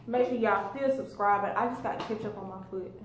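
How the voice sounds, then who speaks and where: A woman's voice: mid-range voice, brisk. A laid-back woman hosts a casual eating vlog, chatting easily and addressing her viewers directly. Her mid-range voice bounces around an echoey room. A faint hiss of background noise sits underneath. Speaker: vlogger and host. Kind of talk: casual mukbang chat.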